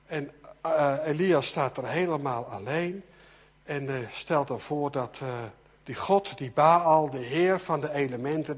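A man preaching a sermon, swinging between loud emphatic bursts and quiet, low passages. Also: husky. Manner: animated, rising to loud emphasis and dropping to soft.

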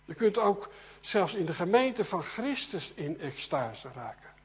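A man preaching a sermon, swinging between loud emphatic bursts and quiet, low passages. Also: measured pace, breathy edge. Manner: animated, rising to loud emphasis and dropping to soft.

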